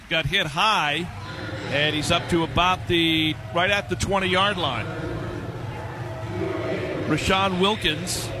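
A man calling live football play-by-play as a radio announcer. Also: high voice. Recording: stadium noise behind the voice.

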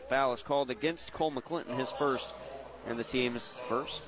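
A man's voice: medium pitch, normal speed, a crowd in the background, rough recording. A man doing live radio play-by-play of basketball in clipped phrases, tracking each pass and shot. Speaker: play-by-play announcer. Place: high school gym, courtside.

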